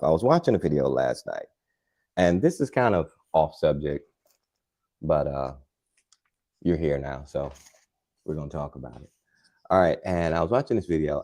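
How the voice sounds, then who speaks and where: A man with an extremely low voice talks gardening in a live demo. His tone is dark and mellow, and his delivery is calm, unhurried and soothing. He rambles casually with plenty of fillers. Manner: chatty and rambling, with many fillers. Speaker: gardening channel host.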